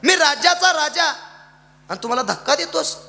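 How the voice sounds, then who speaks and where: Brief: a preacher doing a haughty storybook king, high and bright, shouting orders in an echoey hall. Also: animated, a little fast, creaky, heavily acted. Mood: imperious. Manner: loud commanding exclamations. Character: proud demanding king, adult male.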